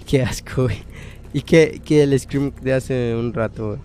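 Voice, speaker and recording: A young man, commentating his own horror game playthrough in a casual way, swearing, thinking aloud and breaking into loud startled outbursts. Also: mid-range voice, moderate pace, a little hiss or hum. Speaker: gaming channel host.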